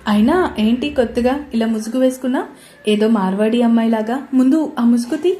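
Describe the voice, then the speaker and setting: A woman voicing an angry young man in a romance story, loud and reproachful. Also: on the high side, brisk, slight background noise, natural voice. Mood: teasing. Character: young man, lover, quick to anger. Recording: roomy echoey recording.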